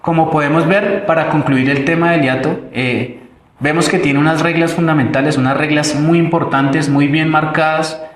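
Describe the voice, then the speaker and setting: A man's voice: on the high side, steady tone, normal speed, roomy sound. A man with a Colombian accent teaching a recorded online grammar lesson, explaining step by step with fillers and restarts.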